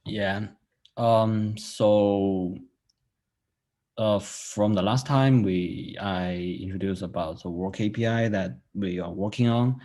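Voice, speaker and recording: Slow, deep man presenting over a video call. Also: fairly even intonation, warm tone. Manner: hesitant, with frequent ums and uhs. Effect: heard over a video call. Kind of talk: technical presentation in a meeting.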